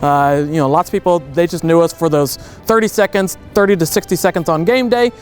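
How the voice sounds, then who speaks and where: A man's voice: fairly high pitch, a little fast, soft background music. A young adult man from a raptor center, explaining a tradition in an informative, anecdotal way outdoors on a field. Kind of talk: informative interview answers.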